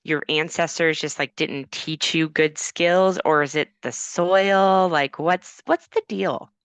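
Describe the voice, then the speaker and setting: A woman's voice: sits low, slow pace, smooth, dry recording. A woman improvising an earnest, slightly fumbling host of a gardening podcast. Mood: earnest curious.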